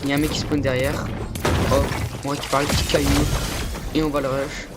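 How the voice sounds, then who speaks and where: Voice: mid-range voice, little pitch movement, a little fast, over loud music. A young adult with a lisp with slushy s sounds, giving casual, slangy, hesitant gameplay commentary to viewers. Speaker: gaming video creator. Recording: noisy home gaming recording.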